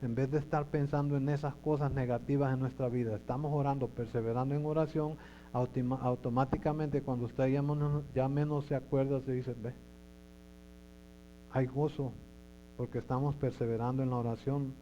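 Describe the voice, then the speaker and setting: Male pastor giving a sermon, mellow voice, repetitive questioning delivery, dull lo-fi recording with faint hum. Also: medium pitch, little pitch movement, moderate pace. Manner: repeats words and asks the congregation questions.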